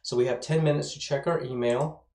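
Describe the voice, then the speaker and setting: This is a man in his thirties teaching a web development course through an informal, upbeat screencast, sounding a bit slurred and numb-mouthed after the dentist. He speaks briskly in a medium pitch with a steady, darkish tone. The audio is roomy and echoey, coming from a small indoor room with bare walls.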